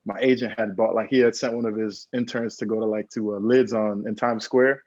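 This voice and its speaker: A young American pro football player in his twenties, being interviewed as a guest, tells his story earnestly and reflectively, often saying "bro" and "man." His voice is lowish and darkish, fairly quick, with fairly even intonation. The dry, dull, lo-fi recording has no room sound.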